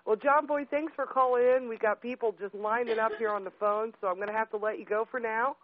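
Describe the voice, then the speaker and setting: A high-voiced man hosts a loose, joking call-in radio show and laughs easily. The audio is thin and phone-like, with a faint hiss behind him. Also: fairly even intonation, quick pace. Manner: playful, laughs often. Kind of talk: casual radio hosting.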